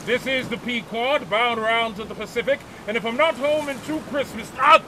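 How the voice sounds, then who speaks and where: An actor playing a grim, obsessive old whaling captain in an audio drama, hailing in a commanding manner. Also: male voice, very high-pitched, moderate pace, noisy background. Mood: grim, defiant.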